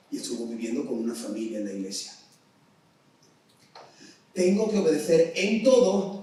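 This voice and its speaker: A man with a Spanish accent preaching to young people at a summer camp, animated, acting out parents' orders in a raised voice. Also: mid-range voice. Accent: Spain. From Spain. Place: large hall at a summer camp. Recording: echoey hall, voice from far off.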